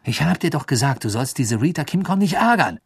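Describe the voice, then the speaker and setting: A man reading an audiobook, voicing a flustered teenage boy wizard in a much higher voice. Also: very animated, a little fast, gravelly, breathy edge, no room sound, studio quality, heavily acted.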